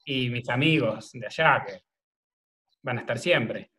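An Argentine man, a video maker, answering interview questions in a relaxed, rambling way full of fillers. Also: medium pitch, measured pace, crowd noise. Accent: Argentine Spanish. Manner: rambling, thinks aloud with many fillers. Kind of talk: casual remote interview conversation.

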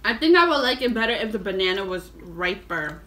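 Bright-voiced woman talking with mouth full. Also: mid-range voice, sing-song, brisk. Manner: chatty, teasing. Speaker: eating show co-host. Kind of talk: casual chat while eating.

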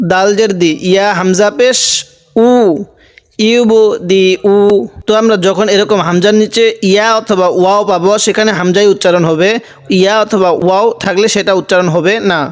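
A man teaching Quran reading, spelling out Arabic letters one by one and then chanting the words drawn out. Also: sits high. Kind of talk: slow spelling-out recitation lesson. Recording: long hall reverb.

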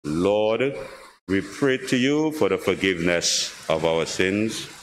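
Slow solemn man at a pulpit microphone. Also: low-pitched, animated. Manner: measured, solemn recitation. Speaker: officiant leading worship. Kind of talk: liturgical reading. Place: church. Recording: long church reverb with background hiss.

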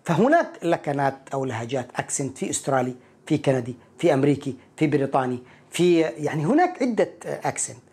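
A man teaching an English pronunciation lesson, explaining each point and repeating words slowly to model them. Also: fairly high pitch, sing-song, darkish tone, slightly rough.

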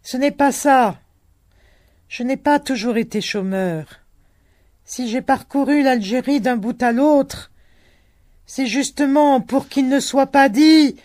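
A reader voicing an old, worn-out peasant laborer who shouts his bitterness against the wind. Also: high-pitched, takes it slowly, long pauses, dry recording, clean studio sound, voice pushed up. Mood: bitter outcry.

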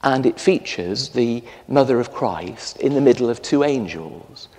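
A man in his fifties with an English accent, a parish priest delivering a storytelling sermon with lively gestures in a large stone church. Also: medium pitch, a little slow. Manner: storytelling, animated gestures while preaching. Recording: long church reverb.

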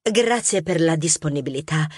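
A friendly, witty police inspector mouse, played by a woman, businesslike with a teasing edge. Her voice is slightly husky with lively pitch, recorded dry and close. A storybook figure of calm authority. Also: moderate pace, no room sound. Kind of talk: audiobook character acting.

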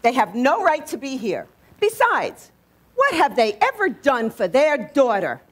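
A woman's voice: sits high, huge pitch swings, measured pace, exaggerated voice. A woman playing Donna, a proud, defensive bar owner. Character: Donna, a single mother who runs a bar, proud and defensive. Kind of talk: amateur stage acting.

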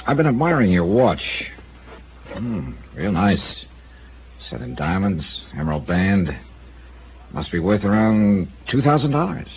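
Pressing his questions in a dry, probing way, an actor voices a tough, blunt insurance investigator for a 1950s radio drama. His lowish voice is sing-song and measured, carried on a tinny, hissing old radio broadcast.

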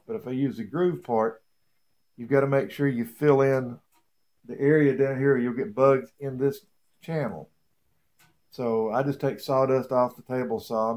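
A man's voice: mid-range voice, darkish tone. A man demonstrating a woodworking job in his home workshop, talking in a plain-spoken, folksy way with rambling asides. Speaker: beekeeper showing a woodworking build. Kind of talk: casual how-to demonstration.

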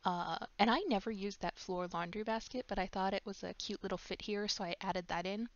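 A young woman with a stuffy nose giving relaxed, chatty voice-over commentary on her game build, full of ums and likes. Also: mid-range voice, fairly quick, no echo. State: stuffed up with a cold. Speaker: gaming YouTuber. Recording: slightly dull lo-fi mic.

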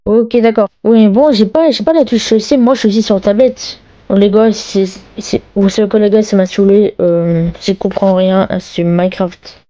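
A woman's voice: medium pitch, moderate pace, dark tone, lo-fi sound. A woman casually chatting through a gameplay video, talking to her viewers with lots of fillers. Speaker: gaming video creator.

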